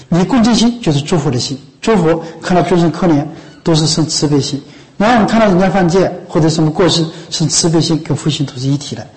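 Casting note: male monk, fairly high-pitched, chatty dharma talk to lay followers, keeps checking that they follow along. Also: darkish tone, rough recording. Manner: conversational, often asks "知道吗？" and "是不是？"; coughs now and then, a few restarts. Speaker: Buddhist monk teacher.

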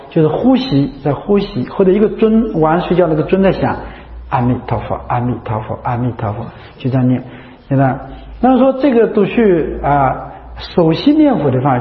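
A man, a Buddhist monk, giving a chatty, repetitive dharma talk full of rhetorical questions. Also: sits high. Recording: echoey hall, dull lo-fi sound.

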